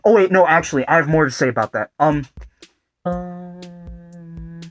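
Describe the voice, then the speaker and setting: A young man with a slightly high voice talks unhurriedly in a dry recording, hosting a rambling video essay packed with fillers and swearing. Faint guitar music plays behind him.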